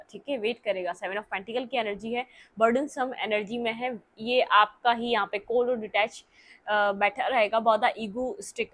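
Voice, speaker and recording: A woman with a Hindi accent lays out tarot cards and explains each one as she goes. Her voice sits a little high. She thinks aloud, stopping often on small fillers. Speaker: tarot reader.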